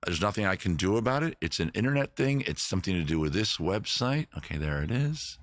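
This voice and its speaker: Strumming his own acoustic guitar, a man hosts a live music stream, joking and rambling with viewers between songs and teasing himself about his singing. His voice is low, swings widely in pitch, and moves at a fairly quick clip.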